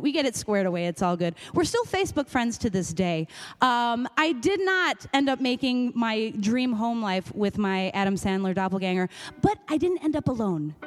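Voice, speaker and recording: A young woman telling a comic personal story on stage, self-mocking and lively. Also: mid-range voice.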